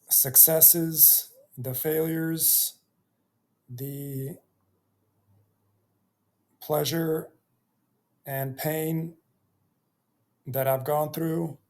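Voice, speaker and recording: A man in his thirties telling his life story on his own channel, reflective, pausing often between phrases. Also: a little high, mellow. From Bosnia and Herzegovina. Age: 30s. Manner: slow and reflective, with many pauses and fillers. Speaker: YouTuber. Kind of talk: personal storytelling vlog.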